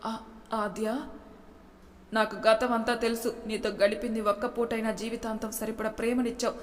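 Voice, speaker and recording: Lady doing a fiery hurt young wife from a storybook, scolding, kinda high voice, echoey hall. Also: level tone, normal speed, lightly acted. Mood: tearful. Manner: scolding, defiant. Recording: long hall reverb.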